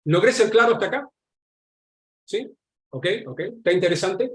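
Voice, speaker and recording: Argentine male lecturer, slightly raised pitch, chatty and explanatory, checks in with listeners constantly. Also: lively intonation, moderate pace. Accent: Argentine Spanish. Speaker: lecturer on nonverbal communication. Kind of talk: live online class lecture.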